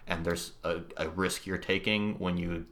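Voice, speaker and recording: A man's voice: sits low, fairly even intonation, normal speed, a bit bright. A man chatting casually on a podcast about video games, hedging and restarting often, with a dry sarcastic streak. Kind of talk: casual chat.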